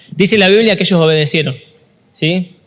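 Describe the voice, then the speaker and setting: A man's voice: high voice, fairly bright tone, in a large hall. A man with an Argentine accent giving a chatty, jokey informal sermon at a workshop, often asking the audience questions. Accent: Rioplatense Spanish. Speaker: youth ministry speaker.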